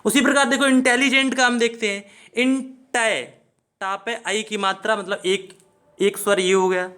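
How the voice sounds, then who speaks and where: A man's voice: high voice, steady tone, moderate pace, pushed and bright, smooth. A man gives an English grammar lesson. He talks in a methodical teacher's way, spelling words out letter by letter and repeating each key term.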